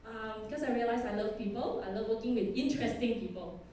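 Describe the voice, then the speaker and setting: A Thai woman in her thirties, with a Thai accent, gives a chatty, self-deprecating talk in a conference hall and laughs often. Her voice is on the high side, brisk and mellow. The distant mic catches an echoey hall and slight background noise.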